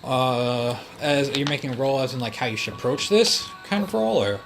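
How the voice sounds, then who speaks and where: A man's voice: mid-range voice, very animated, gravelly, music in the background. Chill guy game master narrating a tabletop game, middle voice. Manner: easygoing, quick to laugh.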